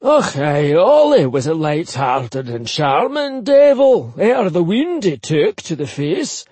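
A man doing an excitable old Scottish uncle. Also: slow pace, husky, dry recording, heavily acted. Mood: indignant. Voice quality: high, sing-song and excitable. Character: older Scottish uncle, gossipy and indignant.

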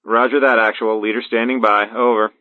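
A man's voice: lowish voice, flat delivery, brisk, no room sound. An actor playing a young male fighter wing leader, talking in clipped radio protocol over a walkie talkie. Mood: steady. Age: young adult. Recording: tinny radio line, dry.

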